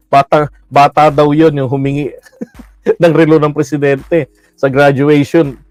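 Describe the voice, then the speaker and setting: A man's voice: fairly high pitch, level tone, slow pace, a little mellow, no room sound, faint music behind. A man giving blunt, mocking political commentary in a casual livestream, laughing often and using many fillers.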